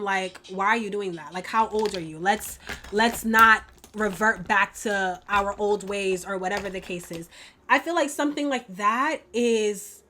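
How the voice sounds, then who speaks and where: A woman vlogger in a casual get-ready-with-me chat, emphatic and repeating her points in quick bursts. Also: medium pitch, fairly bright tone.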